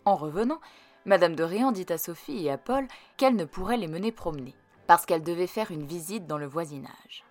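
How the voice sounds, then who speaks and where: A woman reading a children's storybook aloud in an expressive way, turning hushed at tense moments. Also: lowish voice, a little fast, faint music behind. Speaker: storybook reader.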